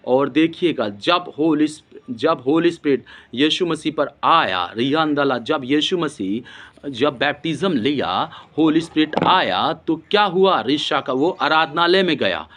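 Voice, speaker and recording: A man's voice: on the high side, animated, unhurried, a bit bright. A man preaching a sermon, repeating phrases for emphasis and breaking into speaking in tongues. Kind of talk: Hindi sermon with Bible reading.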